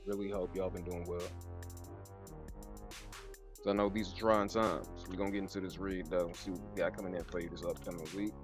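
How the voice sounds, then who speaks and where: A man reads tarot in a low-pitched voice over background music. His speech is informal and slangy, with a slight slur and lisp from the retainer in his mouth. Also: level tone, fairly quick, pauses often. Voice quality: slightly slurred, lisping speech from wearing a retainer. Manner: informal, slangy, laid-back. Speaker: tarot reader. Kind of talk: casual tarot card reading.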